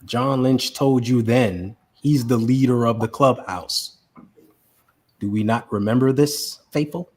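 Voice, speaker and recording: A man co-hosting a podcast in casual sports chat, animated and repeating words for emphasis. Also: medium pitch, takes it slowly. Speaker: podcast co-host.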